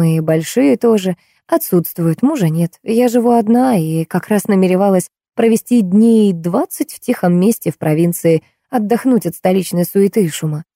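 A calm, formal woman writer lays out her plans in slow, measured sentences, as a reader voices her. The tone is dark, mellow and dry. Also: medium pitch, no echo. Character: woman writer, composed and deliberately polite.

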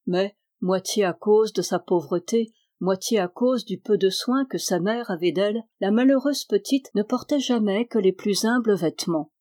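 A woman calmly reading an old folk tale aloud as narrator. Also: mid-range voice, normal speed, few pauses. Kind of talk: storybook reading.

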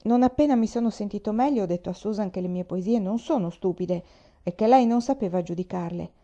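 A woman's voice: medium pitch, a little fast, warm tone, muffled recording, natural voice. A woman reading aloud, voicing a sensitive, dreamy young boy who fears pain, in a plaintive, pleading way.

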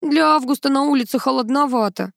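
Female reader playing a hoarse, half-strangled young man who can barely get words out, pitched up high. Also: brisk, fairly bright tone, no echo, clean studio sound. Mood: croaking. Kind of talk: audiobook character reading.

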